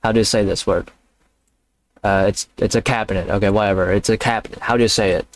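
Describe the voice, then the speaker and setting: Man reading aloud, halting and crude. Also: on the low side, fairly even intonation. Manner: halting reading, stumbling over words, crude offhand swearing. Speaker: channel host reading a novel aloud. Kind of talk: casual read-along with commentary.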